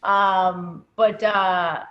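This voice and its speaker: A woman talking in a casual video call discussion, rambling with many fillers and sometimes trailing off quietly. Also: mid-range voice, steady tone, very slow, highs cut off. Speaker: comedian and guest.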